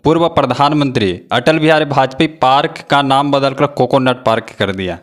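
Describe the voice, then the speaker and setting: A male reporter puts questions to a politician, halting and filling pauses as he goes. His voice sits at an ordinary pitch for a man. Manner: hesitant, halting with fillers. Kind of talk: interview questions.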